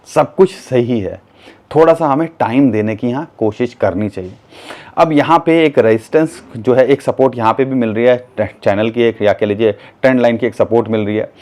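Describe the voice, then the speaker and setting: A man's voice: mid-range voice, darkish tone. A man with an Indian accent talking viewers through market charts in a conversational, direct way. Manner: conversational, addresses viewers directly, frequent restarts. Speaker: crypto market analyst. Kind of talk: chart analysis talk.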